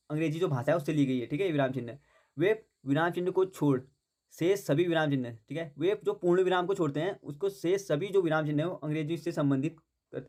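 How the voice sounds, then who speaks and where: Man, grammar teacher, fairly high voice, exam-prep lesson, self-answered questions, repetitive, English words mixed in. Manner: repeats points, asks and answers own questions, fills with "theek hai"; mixes English words into Hindi.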